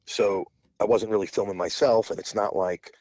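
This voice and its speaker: Lowish and slightly mellow, his voice keeps a fairly even intonation at a normal speed, with no echo. He is in his forties, a podcast guest whose casual interview storytelling rambles, restarts often, and is broken up by laughter.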